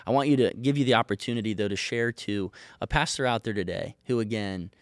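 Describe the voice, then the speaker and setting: A man's voice: fairly low pitch, quick pace, no echo, clean studio sound. A man hosting an interview, summing up points and speaking encouraging, affirming words to pastors. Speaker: podcast host.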